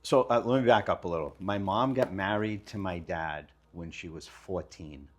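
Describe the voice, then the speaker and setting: A man's voice: low-pitched, normal speed, a little hiss or hum. A man in his fifties from Lebanon, a business owner, telling his life story casually and candidly with some slang. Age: 50s. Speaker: guest, kitchen design business owner.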